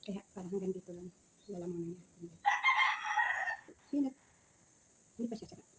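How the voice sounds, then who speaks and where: A woman's voice: on the low side, normal speed, dark tone. A Filipino woman chatting casually to viewers while she eats, her speech shaped by missing front teeth. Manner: talks while eating, savouring with small hums. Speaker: vlogger. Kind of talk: casual mukbang chat to viewers. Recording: clearly noisy home recording, roosters behind.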